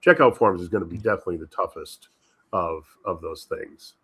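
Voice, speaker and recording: A man's voice: low voice, fairly quick, a bit bright, husky. A man in a casual meeting, asking careful questions about what has been tested. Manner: questioning, cautious.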